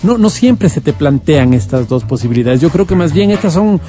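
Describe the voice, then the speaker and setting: A man with a high voice joins a casual chat, joking and cutting in with playful remarks. Faint music plays in the background. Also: lively intonation, normal speed, warm tone. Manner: playful, interjecting.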